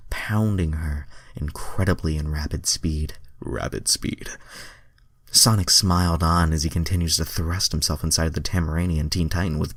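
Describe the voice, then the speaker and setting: A man with a low, slightly rough voice reads fan fiction aloud in an amateur way, stumbling over lines and slipping into casual, self-deprecating asides. The sound is dry, with no room sound.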